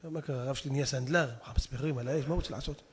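A rabbi preaching a sermon to young men, dramatic, swinging from hushed warnings to shouts. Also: male voice, medium pitch, steady tone, slight background noise. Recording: long hall reverb.

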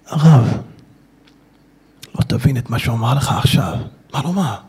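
A man voicing a remorseful older man who quietly confesses his past within a sermon story. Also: medium pitch, lively intonation, slightly rough, pitched below the performer's own voice.

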